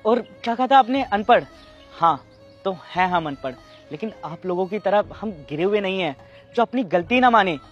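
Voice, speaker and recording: A man's voice: high voice, animated, normal speed, a bit bright, dull audio, faint music behind. Man playing an earnest, protective big brother. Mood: firm. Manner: respectful, earnest, pleading. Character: poor young man vendor, protective older brother. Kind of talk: amateur web drama acting.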